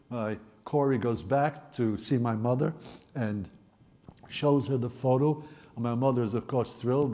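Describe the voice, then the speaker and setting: A man in his eighties from the Netherlands, telling his life story in a wry, gently humorous way. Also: mid-range voice. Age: 80s. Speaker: Holocaust survivor speaker. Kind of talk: personal storytelling talk.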